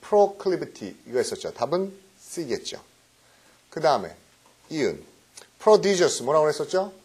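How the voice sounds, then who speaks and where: A middle-aged man teaching English vocabulary in a recorded lecture, often quizzing his students with quick questions and tag checks. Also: a little high, big pitch swings, a little mellow, breathy edge. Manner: mixes English words into explanations.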